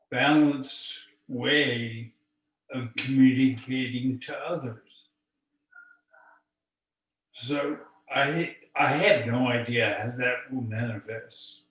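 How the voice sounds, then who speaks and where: A man talks as a spiritual teacher on a group video call. He speaks very slowly and deliberately. He sounds set back from the mic, in an echoey room. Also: medium pitch, fairly even intonation, distant mic. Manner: slow and deliberate.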